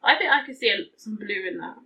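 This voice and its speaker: A woman's voice: mid-range voice, lively intonation, a little fast, gravelly, sharp tone. A woman vlogger chatting casually to camera in a rambling, self-deprecating way, with a slightly tinny sound. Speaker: beauty vlogger. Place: hot room at home, window open.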